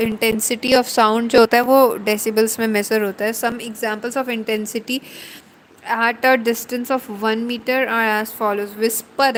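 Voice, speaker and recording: Indian woman lecturer, very slow deliberate delivery, slightly high voice, faint background hiss. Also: low-quality recording. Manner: slow, deliberate, explaining term by term. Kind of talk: slow lecture mixing Hindi and English.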